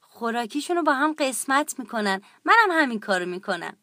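A woman voicing a young, friendly dog in a children's story, bright and matter-of-fact. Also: high-pitched, sing-song, no echo, studio quality, heavily acted. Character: young puppy, friendly but busy.

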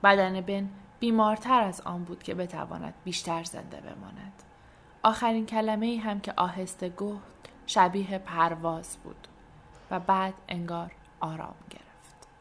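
A woman reading a children's storybook aloud in a soft, gentle way, sometimes dropping almost to a whisper. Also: mid-range voice, steady tone, a little hiss or hum. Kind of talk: scripted storybook narration.

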